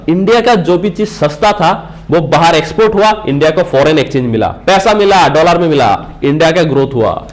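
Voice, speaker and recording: A middle-aged man teaching a classroom lecture, talking straight to his students and checking again and again that they follow. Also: a little high. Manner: explains with many "ठीक है?" checks, addresses students directly. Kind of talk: classroom lecture mixing Hindi and English.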